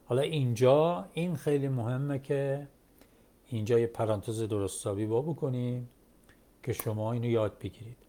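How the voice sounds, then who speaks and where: A male English teacher who speaks Persian as his first language, explaining pronunciation step by step and repeating phrases slowly. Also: mid-range voice, mellow. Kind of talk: textbook English lesson.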